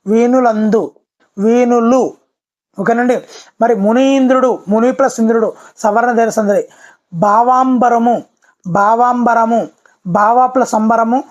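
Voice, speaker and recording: A teacher talks through an exam-prep lesson in voice-over at a brisk clip. Key words come twice, and viewers are addressed politely throughout. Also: mid-range voice, fairly even intonation, muffled recording.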